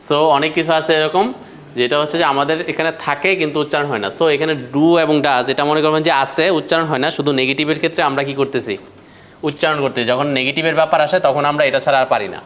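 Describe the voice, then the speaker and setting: A man's voice: fairly high pitch, fairly bright tone, a little hiss or hum. A man teaching a grammar class, explaining step by step and asking the students questions. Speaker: English teacher.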